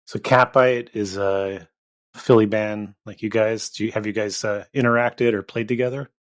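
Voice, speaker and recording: A man's voice: fairly low pitch, steady tone, normal speed. A man hosting a podcast, asking casual interview questions in a hesitant, roundabout way.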